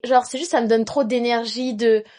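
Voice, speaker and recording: Higher-voiced young woman, bubbly co-host. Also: steady tone, darkish tone. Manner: quick, agreeing, laughing often. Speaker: podcast co-host. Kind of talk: casual chat.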